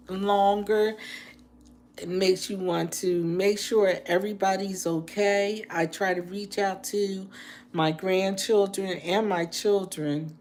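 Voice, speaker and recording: Slow, heartfelt woman in her sixties. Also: mid-range voice, a little mellow. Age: 60s. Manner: heartfelt, preachy, repeats phrases. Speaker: live-stream host. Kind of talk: casual live-stream chat with viewers. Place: indoors, apartment.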